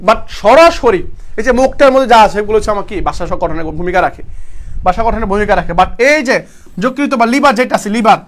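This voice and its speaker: A man's voice: high-pitched, expressive, brisk. A young man teaching an online admission-prep class, drilling students with repeated questions he answers himself and encouraging them to keep trying. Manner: encouraging, motivational. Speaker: university admission coaching teacher.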